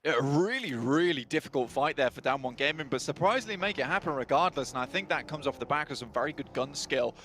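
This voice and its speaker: A man casting a live esports match, giving play-by-play commentary with quick, chatty banter. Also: on the high side, lively intonation, fairly bright tone, a little hiss or hum. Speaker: esports caster.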